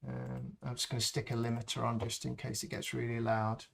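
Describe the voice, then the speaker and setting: A man hosting a live stream, calmly talking through a sound-design process step by step and thinking aloud as he works. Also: mid-range voice, creaky. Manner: slow, thinking aloud as he works, with frequent ums. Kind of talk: unscripted tutorial walkthrough.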